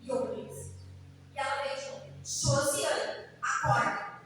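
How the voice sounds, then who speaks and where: A woman's voice: on the high side, fast talker. A middle-aged Brazilian woman preaching a sermon, calling out to her congregation and singing out some phrases. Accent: Brazilian Portuguese. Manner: animated, calls out to the congregation, sings out phrases. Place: church hall. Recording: echoey hall, distant mic, faint noise.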